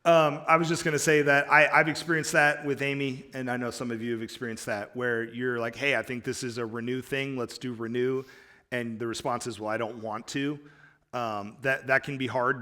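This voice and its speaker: A man's voice: medium pitch, sharp tone. A man on a church marriage panel, speaking candidly and reflectively about his own marriage. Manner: reflective, with fillers and restarts. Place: church conference stage.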